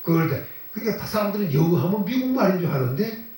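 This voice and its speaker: Male pastor, conversational sermon, lively shifting pitch, asks and answers his own questions, very reverberant room with a distant mic. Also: fast. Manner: conversational preaching with rhetorical questions; repeats phrases for emphasis. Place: church sanctuary.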